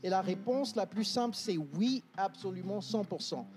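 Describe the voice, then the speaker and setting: A man's voice: high-pitched, normal speed. A man, an English coach explaining confidently on a talk show, with many hesitations. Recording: TV studio with music playing behind.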